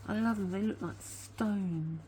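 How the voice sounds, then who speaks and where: Rambling casually as a craft vlogger, a woman with a medium-pitched, unhurried voice chats over a noisy background, sounding slightly whiny because of a sore tooth. She's chatty and even admits she's waffling during this relaxed craft show-and-tell.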